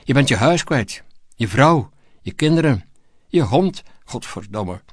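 A raging president from a storybook, barking insults at his staff as a male reader puts him on. The voice sits in an ordinary middle pitch and snarls through clenched teeth. The sound is dry and close, with no room around it. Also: lively intonation, a little slow, dry recording, natural voice. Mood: furious. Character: furious raging male president, bullying and foul-mouthed.

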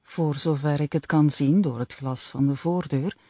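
A woman narrating an audiobook in the first person with a slow, even reading. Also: low-pitched, no room sound, clean studio sound.

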